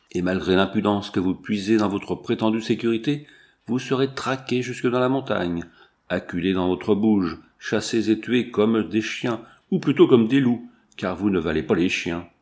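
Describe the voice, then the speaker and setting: A man's voice: on the low side, normal speed, darkish tone, natural voice. A man doing a defiant young captive. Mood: furious. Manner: indignant outbursts.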